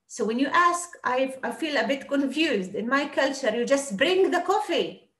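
A woman teaching a class, explaining patiently and repeating words slowly. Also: high voice, expressive, a bit bright, reverberant. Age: 30s. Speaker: Arabic teacher.

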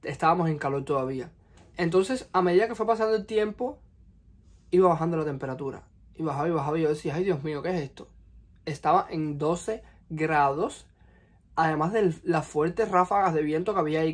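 A young man from Cuba in his twenties, with a Cuban Spanish accent, vlogs a personal story in his small indoor bedroom, the camera close in front of him. His voice is a little high and brisk, and he tells it expressively, animated and gesturing with his hands.

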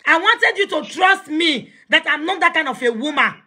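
A woman with a Nigerian accent hosting a live video call, animated and confrontational, mixing Pidgin English. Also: sits high, moderate pace. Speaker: talk show host.

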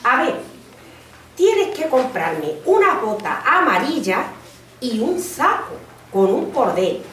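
A woman voicing a clever, bold talking male cat in a read-aloud story, coaxing and deliberate. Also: sits high, big pitch swings, a bit bright, a little hiss or hum, heavily acted. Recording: echoey room, mic far off.

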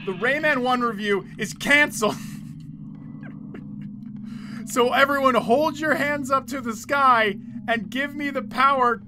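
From a small, dim room, a twenty-something game streamer speaks close to his desk mic, joking, swearing, and reading chat in casual commentary. His voice is very high-pitched and unhurried, with many pauses, and background noise can be heard.

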